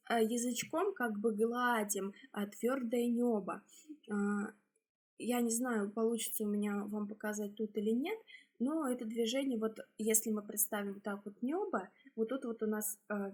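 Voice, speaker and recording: A woman speech therapist with a slightly husky voice explains exercises step by step in a halting, instructional way. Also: a little high, darkish tone.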